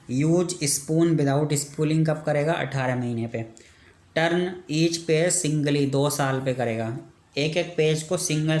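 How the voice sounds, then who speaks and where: A man gives an exam-prep medical lecture, his voice sitting a little high for a man. He works in a repeated question-and-answer rhythm and ends points with a checking aside. The sound carries a noticeable room echo.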